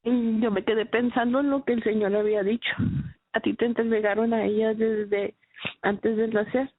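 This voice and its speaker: Woman, faith testimony, raspy fry, tinny phone-like sound. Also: a little high, level tone, a little hiss or hum. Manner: halting, emotional retelling with many restarts. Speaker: testimony speaker. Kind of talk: personal religious testimony. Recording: dry, phone-like narrow sound.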